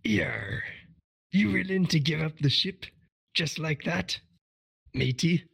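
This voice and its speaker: A man voicing a gruff male space pirate, drawling "yer" and "matey" during a playful podcast role-play reading. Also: a little high, sing-song, takes it slowly, a bit bright, pitched above the performer's own voice, exaggerated voice. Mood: menacing.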